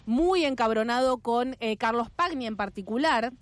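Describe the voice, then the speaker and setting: A chatty Argentine woman hosts a radio show with quick, irreverent asides. Her voice sits a little high and sounds dry and close to the mic. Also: no room sound. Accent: Argentine Spanish. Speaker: radio host. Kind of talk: casual radio chat.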